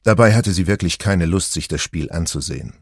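A man narrating an audiobook in a calm, even storytelling manner. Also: low voice, a little fast, vocal fry, slightly rough, no room sound, clean studio sound. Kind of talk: scripted narration.

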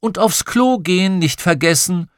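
Man doing a cheerful mum, brisk, teasing, raised voice, lively tone, dry close sound. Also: high-pitched, no echo, pitched above the performer's own voice. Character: cheerful busy mother of three children.

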